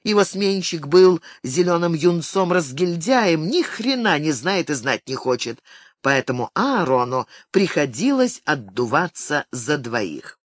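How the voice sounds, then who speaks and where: An audiobook narrator reading a novel aloud, with expressive, animated delivery. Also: medium pitch, a little slow, no room sound, studio quality. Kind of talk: scripted narration.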